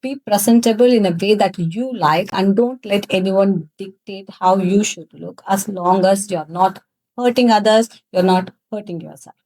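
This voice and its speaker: A woman's voice: mid-range voice, normal speed, darkish tone, low-quality recording. A woman from South India, a native Tamil speaker with a thick South Indian accent, answering interview questions in an earnest, emphatic way. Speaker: interview guest, cosmetics business founder.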